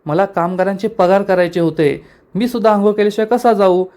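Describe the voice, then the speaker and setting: Guy reading an older man teasing and mocking, sarcastic, high voice. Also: brisk, darkish tone, lightly acted.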